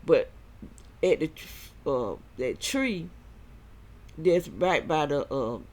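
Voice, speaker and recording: A man giving a rambling personal monologue as a vlogger, halting and short of breath, with repeated restarts. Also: mid-range voice, expressive, darkish tone.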